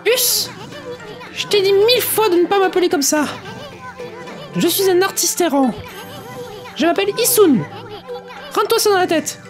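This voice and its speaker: A man voicing a tiny, boastful male wandering artist in a game, in a thin, squeaky, nasal voice with no bass and quick, indignant retorts. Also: expressive, soft background music. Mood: huffy. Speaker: gamer voicing in-game dialogue.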